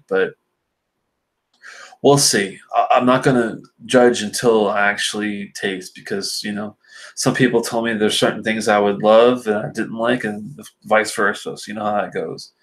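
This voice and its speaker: A man with a fairly low, fairly bright voice hosts a casual whisky live stream as a reviewer, reading and answering viewer comments in a rambling, filler-heavy way. Allergies leave him sounding stuffy and sinusy, and the recording is rough.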